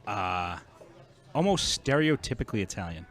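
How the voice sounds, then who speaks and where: A man's voice: on the low side, very animated, moderate pace, a bit bright, faint music behind. A man in his thirties co-hosting a casual podcast chat, telling stories and laughing often. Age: 30s. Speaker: podcast co-host.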